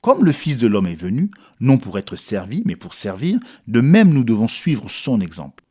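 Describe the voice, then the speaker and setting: A man's voice: mid-range voice, sing-song, moderate pace, mellow, husky. A man reading a sermon text aloud in French, earnest and preacherly. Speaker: reader of a sermon book. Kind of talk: read-aloud sermon exposition.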